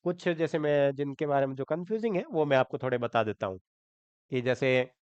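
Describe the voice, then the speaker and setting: A man's voice: mid-range voice, expressive, brisk, a little mellow, clear, resonant tone, no echo, highs cut off. A man teaching English grammar, explaining step by step, spelling words out letter by letter and often asking his students if they follow. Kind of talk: Hindi-language grammar lesson.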